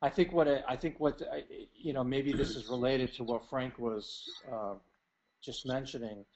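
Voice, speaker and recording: A man giving feedback as an academic thesis advisor, measured and halting, repeating phrases for emphasis. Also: mid-range voice, steady tone, a little mellow. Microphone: remote call. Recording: dull call audio with noticeable noise.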